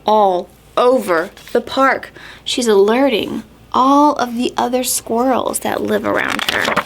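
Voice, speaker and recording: Reading to young children, this female storytime host uses a medium-pitched voice, delivers the text expressively with clear phrasing, and poses questions to her audience.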